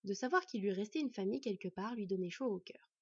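A woman narrating a fantasy audiobook in an even, measured reading. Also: medium pitch, slightly rough, dry recording, lo-fi sound.

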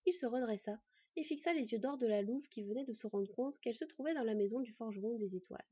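A woman narrating a story aloud in a calm, even reading voice, in a slightly muffled recording. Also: fairly high pitch, fast talker, slightly rough, no echo.

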